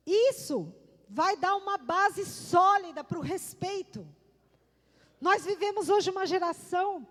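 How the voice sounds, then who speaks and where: Woman, pastor preaching a sermon, high voice, emphatic and repetitive. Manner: emphatic, repeats key words, calls on the congregation. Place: church. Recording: long reverb of a church hall.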